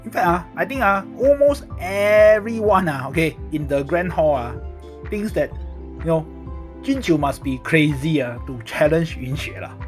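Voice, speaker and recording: A man with a Singaporean accent telling a story recap casually in Singlish, animated and exclamatory, peppering it with lah and ah. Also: fairly high pitch, normal speed. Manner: Singlish phrasing with frequent lah and ah particles. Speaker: drama recap narrator. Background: background music.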